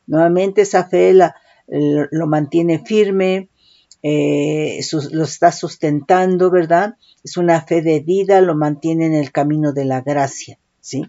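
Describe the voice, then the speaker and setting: A woman's voice: low-pitched, steady tone, slow pace, mellow. A woman preaching a sermon, often calling listeners "brother" and checking in with "right?". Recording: dull lo-fi recording.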